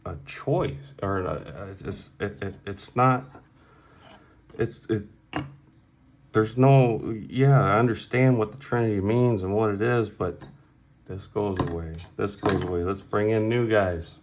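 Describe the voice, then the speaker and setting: A knife collector vlogger rants in a casual, opinionated way, blunt, profane and heated, hammering his points through repetition. He speaks slowly in a fairly low, darkish voice, with a little hiss or hum in the recording.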